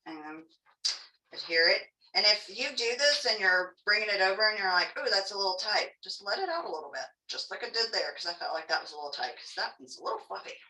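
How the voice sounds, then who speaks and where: A woman teaching a craft class in a casual, chatty, encouraging way, demonstrating step by step, with soft r sounds that lean toward w. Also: mid-range voice, lively intonation, quick pace. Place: indoor room, teaching an online class. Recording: echoey room, distant microphone.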